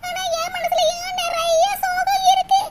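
A woman doing a tearful squeaky village girl. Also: moderate pace, fairly bright tone, slight background noise. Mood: sobbing. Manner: pleading, sobbing, calls elder "akka". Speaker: cartoon character voice. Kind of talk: cartoon comedy voice acting.

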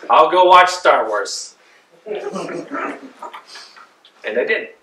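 A man's voice: on the high side, extremely slow, slight background noise. A man in his forties preaching a sermon from a pulpit in a small church, talking in a loose, conversational way. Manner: conversational, animated with hand gestures. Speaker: pastor. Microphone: far camera. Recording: roomy church echo, mic at a distance.

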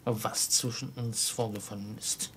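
A man reading the part of a chained ghost of an old miser, speaking in a solemn, slow, mournful way. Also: lowish voice, steady tone, a bit bright, slight background noise. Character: ghost of an old male miser, grave, sorrowful, bound in chains.

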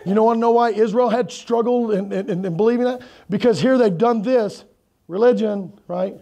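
A man's voice: high voice, normal speed, vocal fry, warm tone, dull audio. A middle-aged man preaching a sermon in a church hall, talking conversationally and putting questions to his congregation. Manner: moves around and gestures while preaching. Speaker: pastor. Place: church hall with a projection screen.

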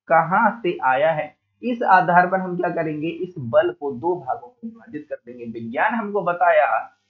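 A man giving a geography lesson, often repeating key terms and putting questions to the class, casually calling his listeners "brother.". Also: fairly high pitch. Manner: casual, addresses listeners as "bhai". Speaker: teacher. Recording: phone-like narrow sound.

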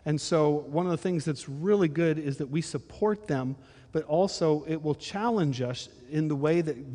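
A middle-aged male pastor making upbeat church announcements into a handheld mic. His voice sits a little high for a man, and the words trail off into the long reverb of a big sanctuary. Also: darkish tone. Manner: friendly, upbeat announcing with fillers. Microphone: handheld microphone.

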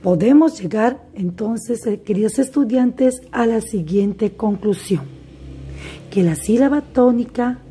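In this recorded remote class, a woman who teaches primary school speaks slowly and deliberately, addressing the pupils directly. Her husky voice is fairly high and warm.

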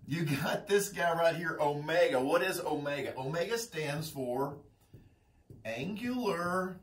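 A man in his fifties teaching engineering at a whiteboard, lively and joking with his students, recorded in a classroom. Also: mid-range voice. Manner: joking, animated, teasing students. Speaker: engineering instructor. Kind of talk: whiteboard lecture. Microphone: camera mic from across the room. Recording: echoey classroom, mic from far off.

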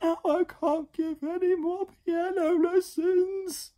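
Man putting on a shrieking, shrill lady sloth piano teacher. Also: flat delivery, takes it slowly, warm tone. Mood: wailing, distraught. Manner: screaming, wailing, indignant.

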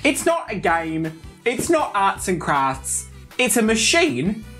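A man's voice: high voice, wildly swooping pitch, takes it slowly, fairly bright tone, faint music behind. A British man speaking as a sassy, bitchy drag queen co-host, sweary and mock-outraged in comic banter. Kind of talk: comic banter, toy reaction video. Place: small indoor set.

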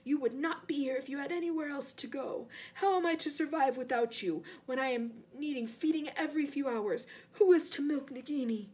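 Woman as menacing male dark lord, high voice, cold, hissing, imperious, deliberate, storybook villain. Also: close to an everyday voice. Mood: angry, menacing. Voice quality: breathy, hissing whisper at times.

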